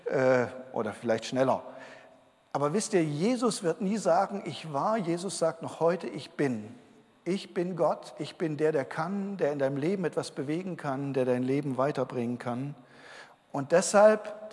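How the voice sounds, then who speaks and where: A man's voice: fairly high pitch, darkish tone. Preaching man in an echoing hall. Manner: earnest, explaining Bible verses to a congregation. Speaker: pastor. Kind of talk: sermon. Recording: long hall reverb.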